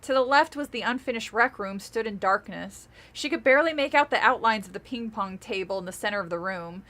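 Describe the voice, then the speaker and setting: Her medium-pitched voice is expressive, a little fast and fairly bright. She's a young storybook reader on a casual stream, working through a children's horror book with chatty, giggly asides, her voice somewhat groggy from talking all day.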